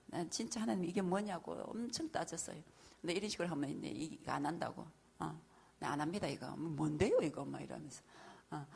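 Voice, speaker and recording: A woman's voice: lowish voice, creaky, breathy edge. A middle-aged woman teaching an evangelism class, telling stories and acting out quoted voices. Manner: animated storytelling, acting out quotes, frequent laughs. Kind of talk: lively sermon lecture.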